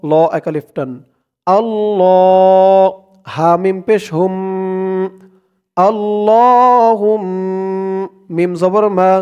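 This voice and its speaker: A man's voice: sits high, a little mellow, lo-fi sound, faint music behind. A man teaching a prayer, spelling it out syllable by syllable and chanting the words drawn out, with a Bangladeshi accent. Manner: drawn-out chanting of Arabic words between quick Bengali explanations. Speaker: Quran and dua teacher.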